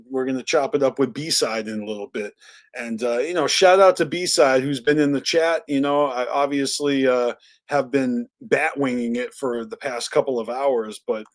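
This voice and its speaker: A man with a Boston accent hosting a casual live stream. He is a little tipsy and talks in a rambling, laid-back, profane way. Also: mid-range voice. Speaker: livestream host.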